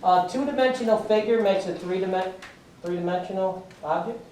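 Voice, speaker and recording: A woman teaching a math class, giving brisk directions and checking for understanding with frequent questions. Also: medium pitch, dark tone, slight background noise. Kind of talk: classroom instruction. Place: large echoey classroom with students. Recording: echoey classroom, distant mic, student chatter.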